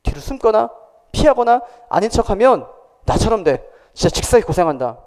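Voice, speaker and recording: A man's voice: high-pitched, sing-song, normal speed, darkish tone, in a large hall. A male pastor voicing Adam, the first man, as a remorseful father confessing to his descendants.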